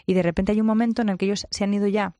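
Una mujer con acento de España que da consejos de crianza con énfasis, imitando frases de otros. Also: female voice, medium pitch, very fast, dry recording. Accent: Spain Spanish. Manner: lively, emphatic, acts out quotes. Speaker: parenting guest expert. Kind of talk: conversational advice.

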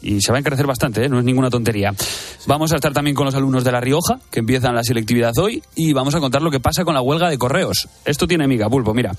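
A man previewing the morning's news on the radio in a brisk, informative way. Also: medium pitch.

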